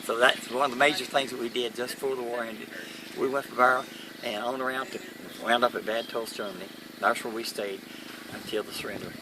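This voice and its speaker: An interviewed World War II veteran, a Kentucky man aged 80 or older, gives a first-hand account of the war in a mid-range voice with fairly even intonation. He speaks plainly and haltingly, recorded by a distant mic amid noise like vehicles.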